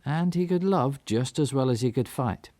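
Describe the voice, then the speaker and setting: A man's voice: medium pitch, lively intonation, normal speed, mellow, dry recording. Man narrating wryly in a dry booth. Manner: reflective, wry storytelling. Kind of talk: radio drama narration.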